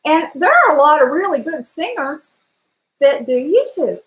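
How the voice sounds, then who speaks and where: Her powerful trained voice sits high and moves at a measured pace as this middle-aged woman chats on a casual live stream from her home kitchen. Animated and chatty, she gestures and now and then sings. A webcam at desk distance picks her up, with a reverberant sound.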